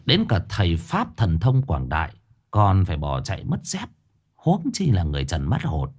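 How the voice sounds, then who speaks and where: A man's voice: low-pitched, moderate pace, breathy edge. A man narrating a ghost story and acting out every character. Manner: lively, acts out every character.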